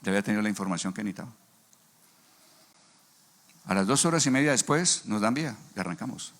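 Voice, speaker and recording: A middle-aged man, preaching a sermon and telling stories with lively quoted dialogue. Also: on the low side, fast. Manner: animated storyteller, acts out dialogue. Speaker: pastor. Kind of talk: sermon with storytelling.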